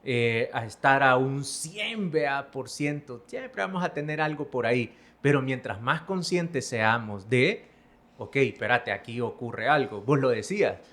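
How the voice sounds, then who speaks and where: A man's voice: medium pitch, animated, measured pace, fairly bright tone. A man hosting a podcast, who talks conversationally and thinks aloud, often tagging his remarks with a questioning "right?". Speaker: podcast host.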